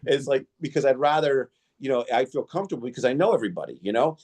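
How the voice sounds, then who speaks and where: A podcast host whose first language was Indo-Greek tells stories in a casual interview, rambling with many fillers and restarts. His medium-pitched voice is expressive, darkish and slightly rough, and he speaks fast.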